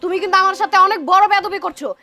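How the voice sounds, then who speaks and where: A woman's voice: very high voice, flat delivery, rapid-fire. A woman playing an indignant grown neighbor who defends herself against rude accusations. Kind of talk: low-budget drama acting. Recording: music bed under dialogue.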